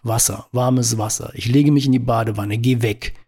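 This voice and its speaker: A man reading the lines of an exasperated, shouting woman in a spoken story, in his own gravelly, husky voice. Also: mid-range voice, fairly even intonation, normal speed. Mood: angry. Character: furious woman with a botched injury.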